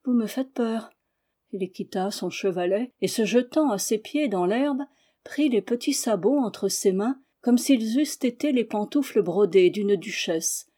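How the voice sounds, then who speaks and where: A woman narrating a classic novel in a measured, expressive reading. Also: mid-range voice.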